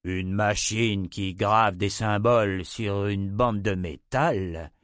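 Male narrator doing a slow, booming wizard, low and weighty, audiobook. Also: dry recording, clean studio sound, natural voice. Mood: deliberate. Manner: slow, deliberate, stentorian.

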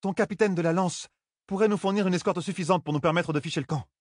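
A man's voice: sits high, fast talker, darkish tone, no room sound, studio quality, voice pushed up. A man voicing a haughty noblewoman who coldly schemes to escape in an audiobook. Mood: scheming. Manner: cold, scheming. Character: haughty noblewomen plotting to flee.

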